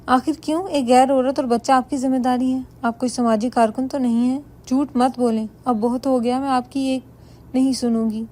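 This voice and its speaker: A woman voicing a heartbroken young wife who shouts her accusations. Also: fairly high pitch, steady tone, close to an everyday voice. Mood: furious.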